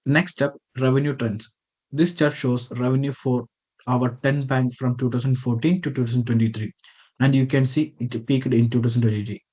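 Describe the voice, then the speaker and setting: A man's voice: mid-range voice, steady tone, moderate pace, dark tone, muffled recording. A man reading a prepared slide presentation over a video call. He reads from a script with small slips and self-corrections. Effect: heard over a video call.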